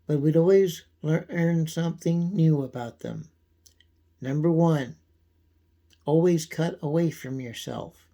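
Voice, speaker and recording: A man giving a casual, folksy how-to demonstration, his voice thin and squeaky from a coming cold. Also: mellow. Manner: folksy, unhurried, frequent throat clearing. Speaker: video host demonstrating pocket knife care.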